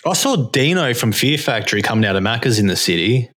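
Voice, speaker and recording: A man's voice: mid-range voice, expressive, fast talker, a bit bright. A young Australian man, a podcast co-host, chatting casually and rambling with lots of fillers and swearing. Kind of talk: casual chat.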